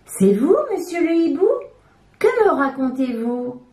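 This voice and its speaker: An excitable little chick girl from a children's storybook, as a woman puts her on, with a high, eager childlike voice that swoops up and down. She talks in a slow, mellow way, heard in an echoey room. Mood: puzzled.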